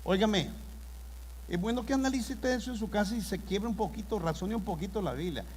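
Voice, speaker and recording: Impassioned high-voiced male preacher. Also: fairly quick, a little hiss or hum. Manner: impassioned preaching with sudden loud bursts. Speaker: pastor. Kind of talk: sermon. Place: church hall. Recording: long hall reverb.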